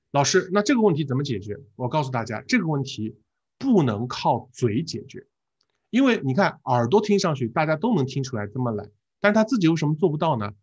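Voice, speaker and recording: Lively husky male English teacher. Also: medium pitch, dull audio. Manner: animated, asks the class questions and drills words by repetition. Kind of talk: live online lecture.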